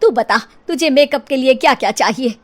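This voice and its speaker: A woman's voice: sits high, brisk, lightly acted. A woman voicing a proud, doting middle-aged mother-in-law in a cartoon, chatty, coaxing and boastful. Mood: urgent.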